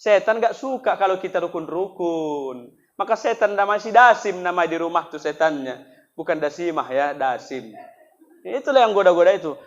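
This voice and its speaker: A man preaching a comic sermon at a religious festival, swinging between loud preaching and soft asides. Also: sits high, lively intonation, a little fast. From North Sumatra. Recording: dull lo-fi sound.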